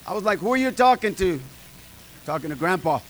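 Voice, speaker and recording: Speaking a little fast in a high-pitched voice with big swings in pitch, a middle-aged male pastor delivers an informal sermon to a small group. He stays folksy and emphatic, talking straight to the congregation, with light hiss in the room.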